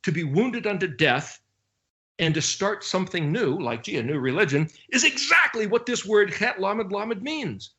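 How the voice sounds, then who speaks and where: A man giving an informal Bible study talk. He speaks in an animated way, with sarcastic asides, and slowly spells out Hebrew letters. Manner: animated, with sarcastic asides and sudden jumps in pitch. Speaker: Bible teacher.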